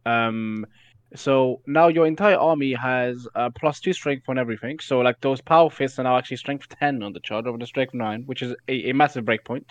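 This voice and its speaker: A man's voice: mid-range voice, a little fast, no room sound, lo-fi sound. A man speaking as a guest on a casual gaming podcast, breaking down game strategy with frequent fillers and restarts. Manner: hesitant, many fillers and restarts, analytical.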